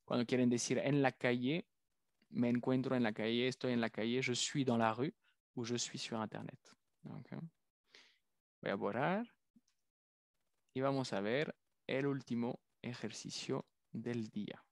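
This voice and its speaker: With fairly even intonation and a mid-range voice, a man leads a French language lesson, slowly and carefully pronouncing every French word and saying it again for his students. The studio sound is clean, with no room sound.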